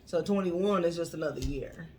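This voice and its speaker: A woman's voice: on the low side, normal speed, a little mellow, slight background noise. A woman in her late thirties co-hosting a podcast in casual chat, matter-of-fact and teasing. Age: late 30s. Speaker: podcast co-host.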